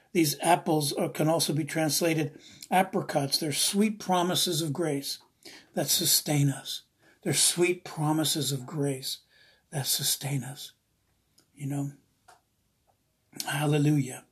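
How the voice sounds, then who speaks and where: An East Coast US preacher gives informal devotional Bible teaching in a very husky, rough-edged, medium-pitched voice. He's earnest and rambling, circling back to repeat key phrases.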